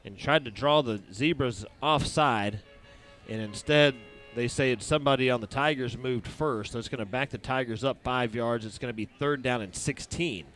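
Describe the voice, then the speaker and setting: Man calling high school football play-by-play. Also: fairly bright tone, soft background music. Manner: brisk play-calling with sponsor reads. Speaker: play-by-play announcer.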